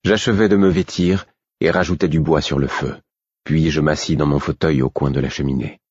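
A man reading a fantasy novel aloud as an audiobook, in measured storytelling narration. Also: extremely low pitch, fairly even intonation, a little mellow, slightly rough, dry recording, lo-fi sound. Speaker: audiobook reader.

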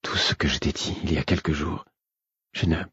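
A man reading a young woman's lines in an audiobook, soft and breathy, near a whisper. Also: rumbling low, fairly even intonation, brisk, dry recording, muffled recording, exaggerated voice. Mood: hushed tender. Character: young woman, tender lover, hushed and sleepy. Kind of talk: audiobook character voice.

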